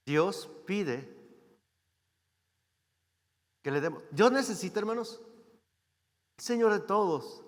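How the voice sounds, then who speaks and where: A man's voice: fairly high pitch, fairly bright tone, long reverb tail. A man preaching a sermon as a guest speaker, talking in a conversational way and often asking the congregation questions. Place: church hall.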